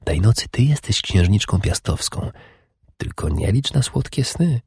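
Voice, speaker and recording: A man reading an audiobook, voicing a bold, sly young princess in a hushed, often whispered voice. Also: fairly low pitch, big pitch swings, measured pace, gravelly, slightly rough, dry recording, studio quality, voice pushed up, full character voice. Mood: playful, conspiratorial. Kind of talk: audiobook character voice.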